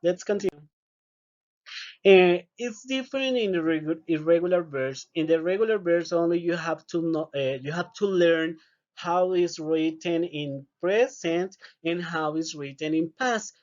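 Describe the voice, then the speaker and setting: Slow-talking male English teacher, lo-fi. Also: fairly high pitch, darkish tone. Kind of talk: recorded video lesson.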